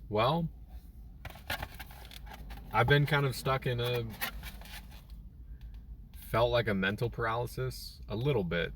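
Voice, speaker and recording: A man's voice: medium pitch, takes it slowly, pauses often, distant mic, noisy background. A young man chatting casually on a live stream from a parked car, rambling with many fillers and restarts. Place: in a parked car in a store parking lot. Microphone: phone.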